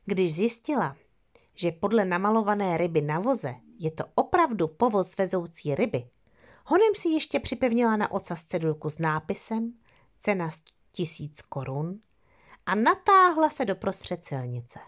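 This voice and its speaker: A woman narrating an audio fairy tale in an expressive storybook manner. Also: mid-range voice.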